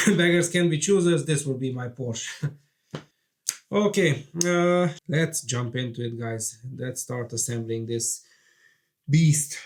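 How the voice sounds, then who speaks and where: Slow-talking congested man building a PC. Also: mid-range voice. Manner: slow, chatty, nervously excited. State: congested from a cold. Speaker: PC building vlogger. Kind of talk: casual hands-on narration.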